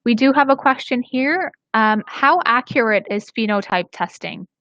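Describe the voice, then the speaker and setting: A woman's voice: on the high side, expressive, moderate pace, a bit bright, no echo. A woman hosting a webinar over a video call, moderating the questions with frequent hesitant fillers. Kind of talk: moderating a live Q&A. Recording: dry, dull video-call audio.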